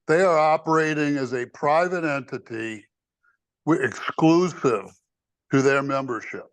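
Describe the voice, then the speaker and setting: A man's voice: a little high, measured pace, clean tone. A man in a public committee meeting on a video call, bluntly and firmly stating his objection. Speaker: committee member.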